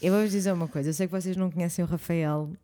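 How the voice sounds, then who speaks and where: A woman's voice: lowish voice, very fast. A woman with a European Portuguese accent, co-hosting a casual chat and reacting with shock to a friend's story. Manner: animated, reacting with shock, mixing in English slang.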